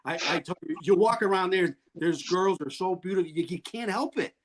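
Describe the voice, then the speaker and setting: Excitable man telling wild stories. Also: sits high, brisk, a little hiss or hum. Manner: excitable, acts out quotes loudly, laughs often. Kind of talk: animated storytelling.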